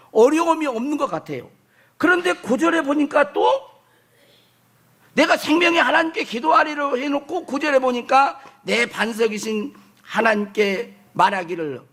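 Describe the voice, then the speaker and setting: A middle-aged man preaching a Sunday sermon as pastor, reading scripture slowly and swinging between loud declaring and soft low asides. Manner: reads scripture aloud slowly.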